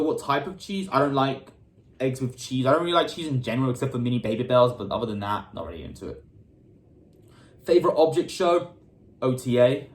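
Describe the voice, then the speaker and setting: Chatty British man in a roomy space. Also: mid-range voice. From United Kingdom. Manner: reads questions aloud then answers, upbeat, restarts often. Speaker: YouTuber answering fan questions. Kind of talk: casual Q&A chat.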